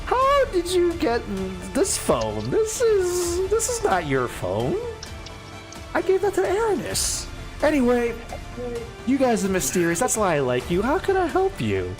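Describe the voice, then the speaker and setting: A game master voicing Betsy, an excitable female creature in a tabletop game, with a high, chirpy, bouncing voice. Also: a little slow, music in the background, full character voice. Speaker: non-player character.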